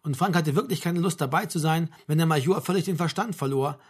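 Guy reading a novel aloud, husky kinda high voice, calm steady pace. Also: fairly quick. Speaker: audiobook narrator. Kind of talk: literary audiobook narration.

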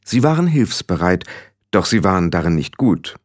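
A man narrating an audiobook with expressive storytelling. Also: sits low, normal speed, no echo, clean studio sound.

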